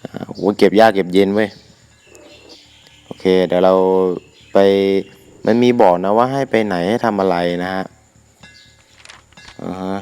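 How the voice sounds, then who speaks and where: This young man's low, smooth voice comes a little slowly, with long pauses, as he hosts his gaming channel. He has a sore throat and can't shout, yet he stays crude and excitable, casually commenting and muttering to himself while he plays.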